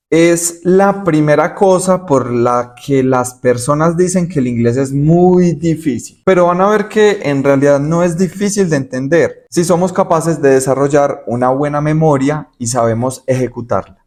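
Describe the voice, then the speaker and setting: This male English teacher's voice runs a bit high for a man, though his tone is darkish. He takes each point in order and says the English examples slowly with clear stress, like a pre-recorded video lesson.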